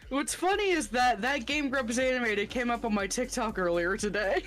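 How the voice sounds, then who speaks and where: A woman's voice: fairly high pitch, normal speed, fairly bright tone. A woman chatting casually with a friend on a stream, easygoing and dropping the odd "uh". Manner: easygoing, fills with "uh". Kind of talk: casual chat.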